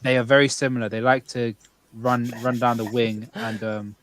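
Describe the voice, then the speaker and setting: Man, panelist, casual chat, emphatic, repeats himself, middle pitch. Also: level tone, normal speed, no room sound.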